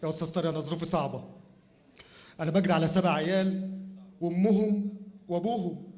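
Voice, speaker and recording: A man as an earnest, dim rustic contestant; high voice, very quick delivery. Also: fairly even intonation, darkish tone, close to an everyday voice. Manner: slow-witted, earnest answers. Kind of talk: live stage comedy sketch.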